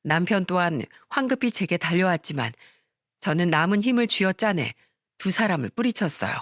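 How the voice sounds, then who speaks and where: A woman's voice: lowish voice, very animated, normal speed, no echo, clean studio sound. A woman reading a scripted first-person story with emotional storytelling. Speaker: story narrator.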